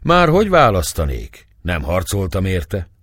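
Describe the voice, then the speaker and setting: A calm captain with a fatherly, measured way of speaking, put on by a male storyteller. The voice sits higher than the reader's own low tone and rises and falls in lively swings. The sound is dry and close. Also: breathy edge, dry recording, full character voice.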